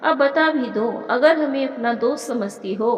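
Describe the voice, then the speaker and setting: A woman voicing a caring young married woman who speaks in a gentle, reassuring way. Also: high voice, a little slow. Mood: coaxing. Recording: echoey room with long reverb.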